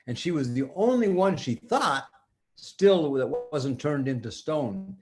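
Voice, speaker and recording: A man's voice: on the high side, sing-song, takes it slowly. An older man telling a rambling, improvised story to children like a grandfather, often restarting and talking to the listening kids.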